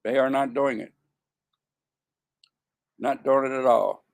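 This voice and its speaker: Gravelly-voiced man in his seventies. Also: medium pitch, steady tone, slow. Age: 70s. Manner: stumbling, repeats and corrects himself. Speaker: vlogger. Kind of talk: casual monologue to camera.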